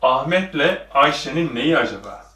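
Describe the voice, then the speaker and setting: A man's voice: mid-range voice, animated, moderate pace, pushed and bright. A man teaching a lesson at a whiteboard, quizzing the viewers with repeated questions, recorded in a classroom. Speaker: English teacher. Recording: echoey room, voice from a distance.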